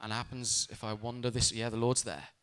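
A man, a pastor, delivering a sermon in a bright, forceful voice. He preaches with emphasis and tells lively stories from his own life. His pitch sits in the middle of the male range. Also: a little fast, clear, resonant tone. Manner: emphatic preaching, mixed with lively personal storytelling.

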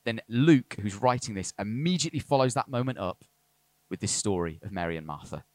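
A man's voice: fairly low pitch, lively intonation, a little fast, a little mellow, no room sound. A man preaching a sermon as a pastor, earnest with light asides to the congregation. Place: church service.

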